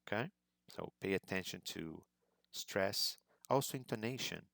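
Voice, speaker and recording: A man teaching exam preparation, explaining step by step in a measured way and modeling example phrases. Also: deep voice, expressive, gravelly, a bit bright, no echo, studio quality. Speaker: English exam prep teacher. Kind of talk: instructional lecture.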